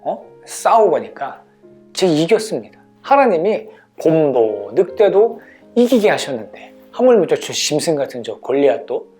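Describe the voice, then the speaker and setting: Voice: medium pitch, big pitch swings, moderate pace, darkish tone, soft background music, lightly acted. A children's teacher voicing a fearless, defiant teenage shepherd boy while retelling a Bible story. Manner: fiery, defiant.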